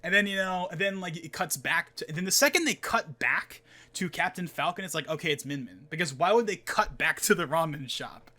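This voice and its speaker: Bright, rambling young man on podcast. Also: high-pitched, expressive, a little fast. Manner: rambling, filler-heavy, laughs often. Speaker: podcast host. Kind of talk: casual solo gaming podcast talk.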